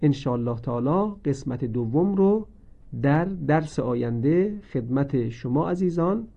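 Slow, deliberate male Quran teacher. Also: on the high side, lively intonation, vocal fry, warm tone. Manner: slow, deliberate, repeats each word with drawn-out recited forms. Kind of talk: recorded lesson on Quran reading. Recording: dull lo-fi recording.

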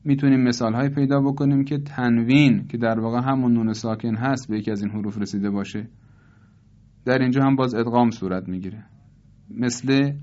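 Man teaching Quran recitation rules, deliberate. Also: mid-range voice, warm tone, lo-fi sound. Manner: slow, deliberate, repeats each example slowly. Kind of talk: tajweed lesson with recited examples.

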